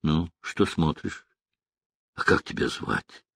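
A man reading an audiobook, voicing a reserved Soviet marshal who speaks calmly and modestly. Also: extremely low pitch, slow, creaky, husky, no room sound, clean studio sound, voice pushed down, full character voice. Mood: gentle.

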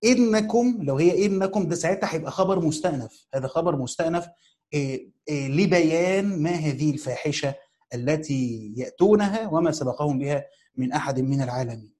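A man's voice: a little high, darkish tone. A man with an Egyptian accent teaching a class, reading a commentary phrase by phrase, repeating key words and asking rhetorical questions. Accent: Egyptian Arabic. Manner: reads phrases slowly, repeats them for emphasis; asks rhetorical questions of his students. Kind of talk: classroom lesson reading and explaining a text.

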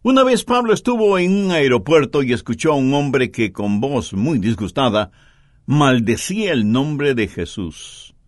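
Lively, animated male preacher. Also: mid-range voice, no room sound, clean studio sound. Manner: earnest preaching with animated emphasis. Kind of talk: sermon.

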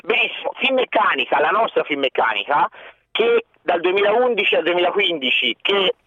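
A man's voice: high-pitched, sing-song, normal speed, breathy edge, no room sound. A male caller, heard over the phone on a radio call-in show, arguing his point insistently. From Grosseto, Tuscany, Italy. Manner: insistent, argumentative. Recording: tinny phone line on radio.

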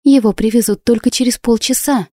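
A woman's voice: brisk, no echo, clean studio sound, natural voice. A woman reading an audiobook, voicing an enthusiastic young woman artist in a raised, exclaiming voice. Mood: teasing. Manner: bright, exclaiming, raised pitch. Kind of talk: audiobook character voice.

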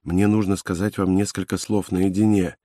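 A man doing a hushed, pleading older man. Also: low-pitched, little pitch movement, moderate pace, no room sound. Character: quiet, restrained older male convict-mayor.

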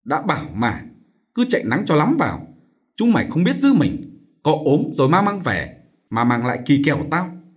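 A man's voice: fairly high pitch, wildly swooping pitch, normal speed. A man voicing an irritable, self-important father who scolds his children. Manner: scolding, curt.

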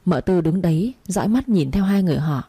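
A woman narrating a scripted story in a steady storytelling manner. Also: fairly low pitch, brisk, husky, no room sound.

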